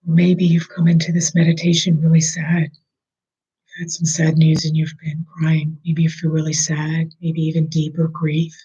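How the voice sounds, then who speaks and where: Someone guides a slow, soothing breathing meditation in a soft, monotone voice of medium pitch that occasionally becomes almost a whisper. The recording's high frequencies are cut off.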